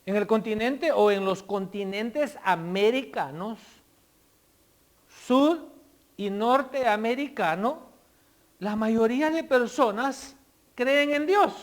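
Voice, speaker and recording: A man pastor preaching a sermon, explaining his word choices and swinging between loud emphatic phrases and soft asides. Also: sits high.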